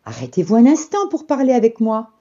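Storybook goose, polite and coaxing, high voice, read by a woman; dull lo-fi sound. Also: wildly swooping pitch, brisk, warm tone. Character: polite curious female goose.

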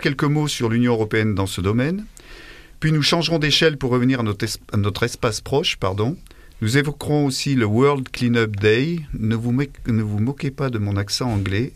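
A man's voice: mid-range voice, no echo. A man hosting a radio column in a studio, jovial and chatty, often correcting himself. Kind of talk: radio chronicle with guests. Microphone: studio microphone.

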